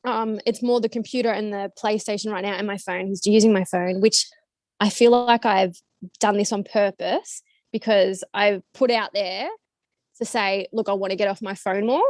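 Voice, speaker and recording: A woman's voice: mid-range voice, steady tone, moderate pace, no room sound. A woman in her thirties, a guest on a video call, chatting casually in a rambling way with lots of fillers. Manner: rambling, lots of "like" and "you know". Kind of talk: casual chat.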